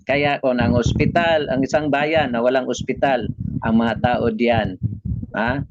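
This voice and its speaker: Filipino preacher, middle pitch, call-and-response delivery, muffled noisy recording. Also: male voice, fairly even intonation, measured pace. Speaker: pastor. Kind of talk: sermon. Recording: dull lo-fi recording with background noise.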